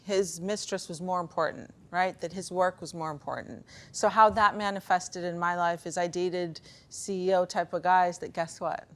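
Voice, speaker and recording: Speaking at a conference on beliefs and performance, a woman of Afghan heritage from Pakistan keeps things casual and motivational, with a lowish voice, telling lively personal anecdotes and playing out bits of dialogue.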